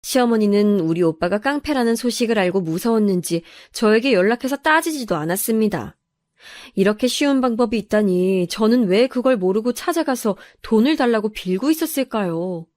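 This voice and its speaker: A woman's voice: mid-range voice, expressive, brisk, darkish tone, no room sound. A woman narrating a true first-person family story, in an aggrieved, confiding manner.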